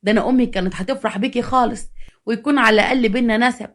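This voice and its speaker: Brief: trusting, sweet Egyptian wife voiced by a female storyteller, quick and bright-pitched. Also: close to an everyday voice. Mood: chatty. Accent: Egyptian Arabic. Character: naive trusting young housewife.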